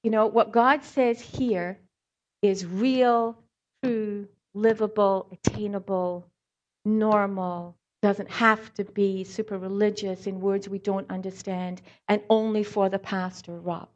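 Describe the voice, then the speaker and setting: On a slightly dull, muffled recording, a middle-aged woman preaches slowly and informally. She was born in Scotland and raised in South Africa, and her light accent shows in some words. Her voice sits mid-range, and as a lay preacher and hand therapist she weaves scripture together with wry stories and plenty of ums.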